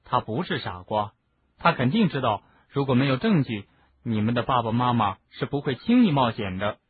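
A man's voice: mid-range voice, sing-song, normal speed, slight background noise, close to an everyday voice. A man reading an audiobook, voicing a puzzled, touchy teenage boy hero who asks incredulous questions. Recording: narrow phone-like lo-fi sound.

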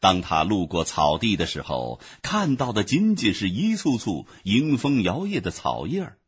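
Male storyteller with a husky voice and a very lively, sing-song delivery. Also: lowish voice, normal speed. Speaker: narrator. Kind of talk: storybook narration.

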